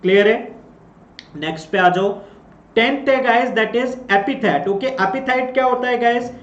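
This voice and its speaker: A man giving an online English grammar lesson, mixing two languages, reading definitions slowly and often checking that listeners follow. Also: extremely high pitch. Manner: mixes Hindi and English, reads definitions slowly, keeps asking if it is clear. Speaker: English teacher. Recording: echoey, slightly dull room recording.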